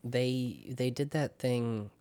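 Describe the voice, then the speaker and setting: A man co-hosting a podcast in casual chat, joking and animated, laughing often. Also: mid-range voice, slow pace, clear, resonant tone, no echo. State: out of breath. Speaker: podcast co-host.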